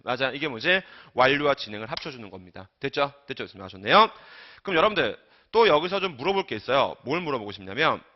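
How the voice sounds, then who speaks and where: Guy teaching grammar, keeps asking then answering himself, bouncy voice, kinda muffled lo-fi recording. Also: medium pitch. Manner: coaxing, asks and answers his own questions; trails off quietly at ends of phrases. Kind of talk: recorded online lecture. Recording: dull lo-fi lecture recording.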